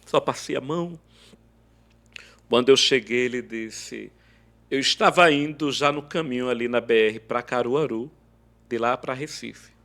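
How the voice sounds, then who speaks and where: A man's voice: measured pace, pauses often. A man telling an emotional faith testimony as a podcast guest, acting out every quoted line of dialogue. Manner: animated, acts out quoted dialogue with big swings in pitch and loudness.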